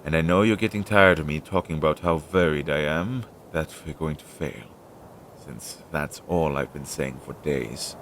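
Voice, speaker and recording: A man voices an anxious, self-doubting magical familiar devoted to his master, speaking in a very deep yet fairly bright voice. He sounds reluctant and wistful, his hesitant, halting delivery full of fret. It's a one-sided scripted audio roleplay on low-fidelity audio with clear background noise.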